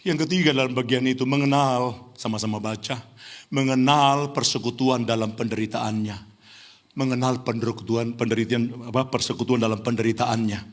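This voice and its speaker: A middle-aged man from Indonesia preaching a lively sermon in a church, teasing the congregation and rising to near-shouts. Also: medium pitch, a little fast. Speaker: pastor. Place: church hall.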